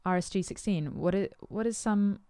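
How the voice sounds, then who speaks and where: A woman's voice: medium pitch, normal speed, mellow, smooth, dry recording. A woman musician answering her supporters' questions in casual chat, thoughtful and hesitant with many ums and uhs.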